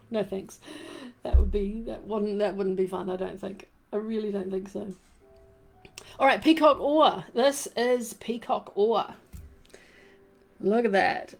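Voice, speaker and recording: A woman with a New Zealand accent hosting a casual live stream from home, rambling warmly with many fillers and lots of "fabulous" and "beautiful". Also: medium pitch. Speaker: crystal and essential oil live-stream host. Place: home room. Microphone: desk microphone she turns around.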